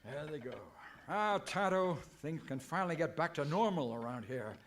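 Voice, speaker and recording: A man's voice: a little high, animated, normal speed, close to an everyday voice. An actor playing an exasperated, broke masked cowboy lawman in a theatrical old-time radio comedy. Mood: relieved. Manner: flustered, theatrical comic delivery. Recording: noisy live convention stage recording.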